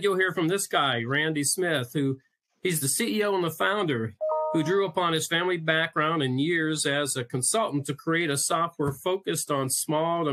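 Bright-voiced man hosting a webinar. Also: on the high side. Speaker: webinar host, magazine editor. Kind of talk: scripted webinar introduction.

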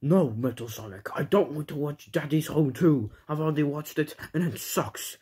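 A man's voice: on the high side, moderate pace, darkish tone, husky, pitched above the performer's own voice. A young man voicing a grumpy, bossy male villain who mutters and grumbles in a homemade comedy skit.

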